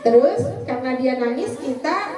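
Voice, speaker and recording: A woman's voice: high voice, lively intonation, normal speed, roomy sound, recorded from a distance, music in the background. A woman psychology practitioner giving a parenting seminar to mothers, talking to them directly and asking them questions. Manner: addresses the audience directly, asks them questions; acts out parents' lines to children.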